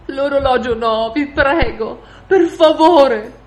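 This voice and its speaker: A woman's voice: high-pitched, takes it slowly, slight background noise, voice pushed up. A woman voicing an old man who wails and pleads through sobs. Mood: desperate. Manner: wailing, pleading, sobbing. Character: desperate weeping old man.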